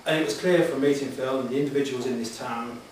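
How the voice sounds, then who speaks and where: A man's voice: mid-range voice, fairly even intonation, quick pace. Earnest man in a very echoey hall. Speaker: job applicant answering interview questions. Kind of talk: formal interview answers before a room. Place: echoey meeting room, addressing the room. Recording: very echoey hall, distant mic, background noise.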